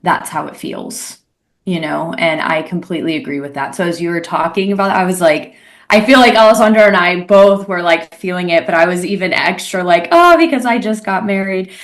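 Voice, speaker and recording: A woman's voice: on the low side, brisk. A young adult woman co-hosting an interview podcast, gushing and rambling in casual chat. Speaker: podcast co-host.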